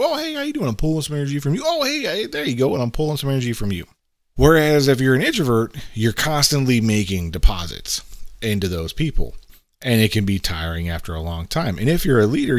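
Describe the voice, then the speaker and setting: Low-voiced man talking casually. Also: dry recording. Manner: conversational, often asks "right?". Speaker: leader sharing advice. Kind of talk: casual monologue.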